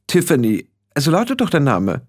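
A man's voice: a little high, wildly swooping pitch, normal speed, voice pushed up. A man reading an audiobook, voicing an imperious, condescending teenage witch girl in a raised voice. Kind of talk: audiobook character voice.

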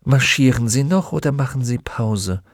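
A man's voice: mid-range voice, normal speed, no room sound, clean studio sound, natural voice. Man doing a cold, cruel woman interrogator. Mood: cold interrogating. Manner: icy, commanding.

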